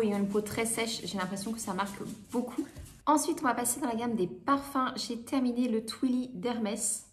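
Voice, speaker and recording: A woman talks straight to her viewers in a relaxed product review vlog. She chats along easily, often pausing on little fillers as she searches for words. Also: medium pitch. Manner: chatty, hesitant with many fillers. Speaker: beauty vlogger.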